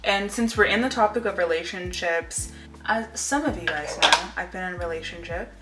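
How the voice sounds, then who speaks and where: A twenty-something woman vlogs about lifestyle from a room at home, talking to camera in a loose, rambling, confiding way. She speaks at a moderate pace with a fairly low pitch, and the audio is echoey with background music.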